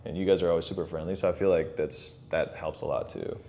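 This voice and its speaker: Very low-voiced young man hosting a chat. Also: quick pace. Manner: relaxed, many fillers and laughs. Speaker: podcast host. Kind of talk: casual interview chat.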